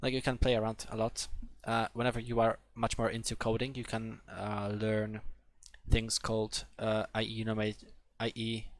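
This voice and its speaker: A young coding instructor with a Polish accent leads a live coding tutorial in a lowish, monotone voice at normal speed. He is hesitant, leaning on fillers and restarting often, and the recording has no echo.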